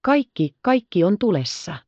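A woman voicing an excitable, tender-hearted little orphan girl in an audiobook, exclaiming and pleading. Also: mid-range voice, no room sound, muffled recording. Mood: awed excitement. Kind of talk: audiobook character reading.

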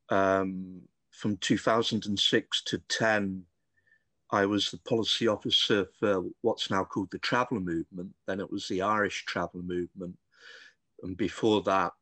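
A male academic answering a question on a video call webinar, speaking briskly and fluently. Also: lowish voice, a bit bright, dry recording. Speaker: academic panelist.

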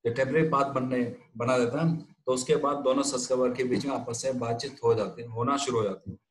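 A telecom instructor lectures his class in a question-and-answer pattern, asking questions and answering them himself, repeating key terms and often checking in with "theek hai?" His male voice is mid-pitched, steady and brisk, captured on a low-quality recording with slight hiss or hum.

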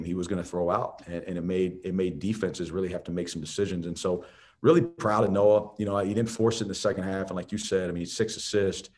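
A man with a very deep voice speaks as head coach at a post-game press conference. He talks in loose, conversational runs, restarting phrases and leaning on "you know.". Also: a little mellow.

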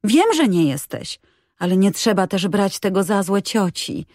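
A woman's voice: medium pitch, sing-song, measured pace, a little mellow, no room sound, clean studio sound, pitched above the performer's own voice. A woman reading an audiobook, voicing a cheerful, chatty little girl who talks eagerly.

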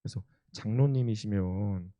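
A man's voice: lowish voice, measured pace, dark tone, no room sound. A young man, an evangelist, preaching a sermon and telling personal stories earnestly. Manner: earnest storytelling, acts out quotes.

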